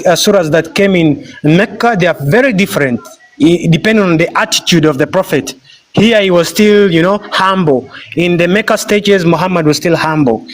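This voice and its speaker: A man raised in Sudan, arguing in a religious debate and pausing to search for words. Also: fairly high pitch.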